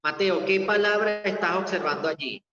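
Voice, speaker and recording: Male teacher, online class, slow methodical delivery, dull boomy reverb. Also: bright, forceful tone, soft background music. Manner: slow, methodical step-by-step explaining. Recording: echoey dull lo-fi room audio.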